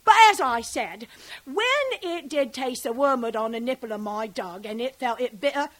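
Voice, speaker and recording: A woman's voice: on the high side, expressive, normal speed, fairly bright tone, poor audio. A woman performing a classical stage monologue as a garrulous, fond old nurse who rambles and digresses. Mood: rambling. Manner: rambling, digressive, breaks into laughter.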